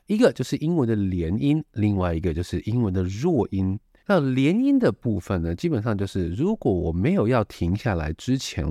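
Lively low-voiced man teaching English. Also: no echo, clean studio sound. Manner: lively, explains with many examples and sound demos. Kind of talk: storybook reading and English lesson.

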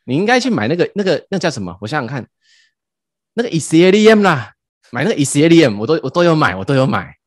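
Man voicing an older Thai masseuse, late fifties, sure of her crypto tips, halting, lively pitch, dry sound. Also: no room sound. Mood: confident.

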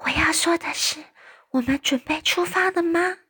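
A woman voicing a small, brave, polite young girl in a storybook read-aloud, speaking in a bright, eager, childlike tone. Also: very high voice, moderate pace, voice pushed up. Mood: hushed.

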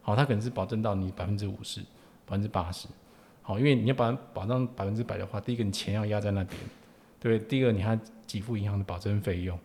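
A man's voice: on the low side, steady tone, rapid-fire, a little mellow, a little hiss or hum. A man with a Taiwanese Mandarin accent explaining informally as an expert guest, punctuating phrases with particles and tag questions. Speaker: lawyer, podcast guest.

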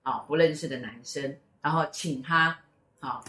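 Woman, middle-aged, Taiwanese Mandarin accent, animated storyteller, lowish voice, roomy echo. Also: normal speed. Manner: animated storyteller who acts out quoted speech. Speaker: host, mother. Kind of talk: casual storytelling chat.

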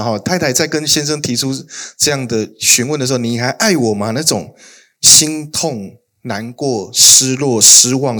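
A male pastor giving a sermon, telling stories expressively and swinging between soft, hushed passages and louder emphatic ones. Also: medium pitch.

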